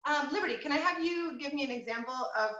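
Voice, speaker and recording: A woman's voice: high voice, quick pace, bright, forceful tone. A woman voice teacher giving a group singing lesson, encouraging and patient, with frequent ums and sung demonstrations. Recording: roomy, slightly dull audio.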